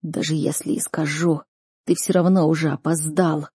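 A woman voicing a broken, weeping older duke who speaks slowly and tiredly to his son. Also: on the high side, level tone, a little mellow, husky, no room sound, clean studio sound. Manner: slow, sobbing, tired.

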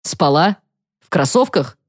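A woman's voice: low voice, big pitch swings, a little slow, no echo, clean studio sound, exaggerated voice. A woman reading an audiobook voices a harsh, suspicious middle-aged mother who barks at her daughter. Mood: suspicious, gruff. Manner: barking, suspicious.

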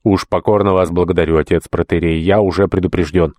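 A man's voice: sits low, fairly even intonation, quick pace, a little mellow, dry recording, clean studio sound, close to an everyday voice. A man voicing an impulsive, emotional deacon in his fifties, raising his voice in heated, contrite pleading. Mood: earnest pleading. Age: 50s. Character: big emotional middle-aged male deacon, impulsive. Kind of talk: audiobook character voice.

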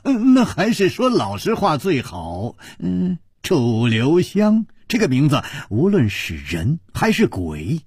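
A man's voice: fairly high pitch, a little mellow, husky, no echo, studio quality. A man narrating a martial-arts story in a dramatic traditional storytelling style, with asides to the listener. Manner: dramatic, with rhetorical asides and sighs.

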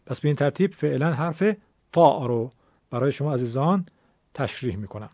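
A man teaching Quranic letter pronunciation on a radio lesson, explaining patiently and demonstrating sounds slowly. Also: mid-range voice, animated, a little mellow, no room sound. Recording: dull lo-fi broadcast sound.

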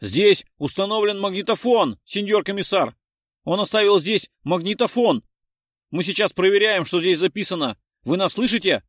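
A man's voice: fairly high pitch, fairly quick, no room sound, studio quality, lightly acted. A man voicing an anxious police officer reporting over a radio, in an audiobook reading. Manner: calling over the radio, flustered.

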